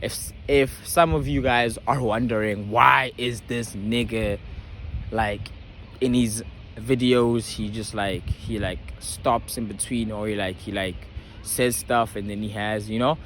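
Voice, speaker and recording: A man's voice: lowish voice, steady tone, measured pace, fairly bright tone, a little hiss or hum. A young man vlogging casually. He talks in slang, with a stutter and frequent restarts. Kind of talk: casual storytelling to camera.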